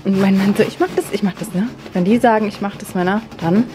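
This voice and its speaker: A woman's voice: mid-range voice, fast talker. A woman vlogging casually, a mother who retells her day and acts out the dialogue of the people in it. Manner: chatty storytelling, acting out dialogue with "ich so, sie so". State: exhausted from cleaning in the heat. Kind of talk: casual vlog chat. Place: home, then garden outdoors.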